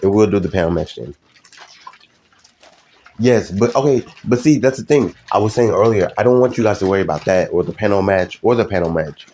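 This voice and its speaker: Low-voiced young man chatting on a live stream. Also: lively intonation, a little fast, warm tone. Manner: rambling, hesitant, many fillers and restarts. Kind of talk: casual live-stream chat with viewers.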